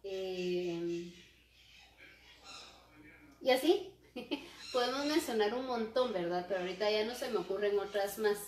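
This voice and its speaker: A woman teacher giving a lesson, speaking slowly and checking in with rhetorical questions. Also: medium pitch, slight background noise. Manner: slow, repeats examples and asks rhetorical checks. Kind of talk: recorded classroom lesson. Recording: echoey room.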